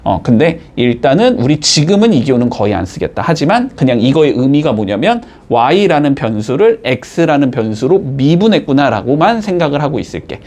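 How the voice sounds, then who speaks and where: A man explains math to his students as a teacher, moving through each step and pausing often with a quick question to check they follow. His voice swings up and down with lively energy. His pitch sits in an ordinary middle range. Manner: lively, coaxing, checks in constantly with short questions. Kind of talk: classroom math lecture.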